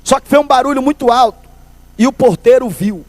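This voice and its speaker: A man's voice: very high voice, brisk, dry recording. A man from Recife, telling a humorous testimony at a church service and calling listeners brother. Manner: lively storyteller, calls listeners brother.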